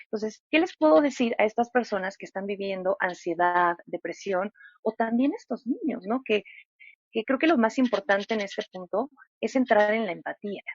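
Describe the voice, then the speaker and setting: A woman in her thirties, a psychologist, giving expressive interview answers and acting out examples with lively voices. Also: mid-range voice, normal speed, breathy edge, no room sound, dull audio. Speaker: psychologist guest.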